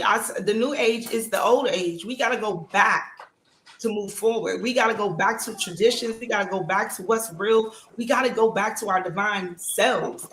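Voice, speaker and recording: A woman in her forties hosting a casual podcast interview, animated and chatty, often bursting into excited exclamations. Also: medium pitch. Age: 40s. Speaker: podcast host. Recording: echoey room with audible background noise.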